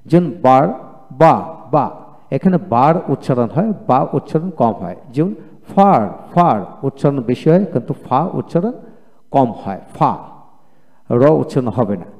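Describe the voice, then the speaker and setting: Male teacher, mellow voice, drills each word twice; reverberant hall sound. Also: mid-range voice, normal speed, long pauses, muffled recording. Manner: drills each word by repeating it, calm explanatory tone. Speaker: English pronunciation teacher. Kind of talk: video lecture, repeating words twice.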